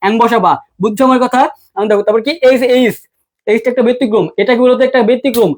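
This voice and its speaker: A young man's voice, sitting very high for a male speaker, running through an English grammar lesson at a brisk clip. He fires the same question again and again and answers it himself. He calls the student brother the whole way through. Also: steady tone. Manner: addresses the viewer as brother. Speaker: English tutor. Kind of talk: online exam-prep lesson.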